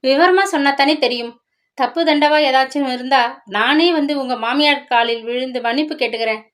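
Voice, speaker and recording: Woman reading as a devoted, grieving older brother in a storybook, somewhat high voice. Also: fairly quick, close to an everyday voice. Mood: tender. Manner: pleading, grieving, protective. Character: poor loving elder brother, middle-aged man, protective.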